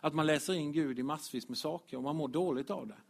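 A man preaching a lively, direct sermon as pastor to his congregation. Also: a little high, vocal fry, breathy edge. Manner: animated, direct, addresses congregation, chuckles.

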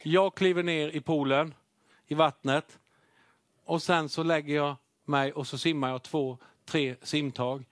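A middle-aged man preaches in a sermon, recounting a personal story in an animated, self-mocking way. His voice sits a little high for a man. The sound is close and dry, with no room around it. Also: no echo. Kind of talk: sermon testimony.

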